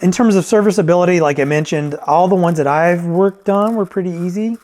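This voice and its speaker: A man who reviews and repairs products gives a casual, off-the-cuff review, chatting and thinking aloud as he goes. His voice sits high, a little mellow, and he speaks a little fast.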